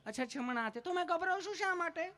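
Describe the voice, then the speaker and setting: A man voicing a polite, soft-spoken female nurse who asks patient, sweet questions at a vaccine clinic. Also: extremely high pitch, animated, fast talker, pitched above the performer's own voice, exaggerated voice. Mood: gently questioning.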